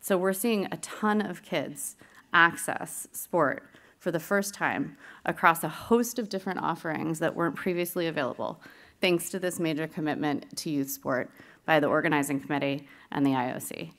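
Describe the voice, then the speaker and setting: A woman presents slides at a conference in a slightly low voice. Her delivery is fluent and businesslike. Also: normal speed, a bit bright. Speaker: programme presenter.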